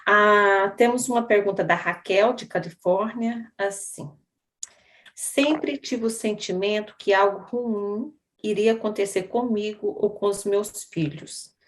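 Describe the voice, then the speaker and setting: A woman with a Brazilian accent moderating an online study session, reading questions from the chat aloud in a slow, friendly way. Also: medium pitch. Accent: Brazilian Portuguese. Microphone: video call.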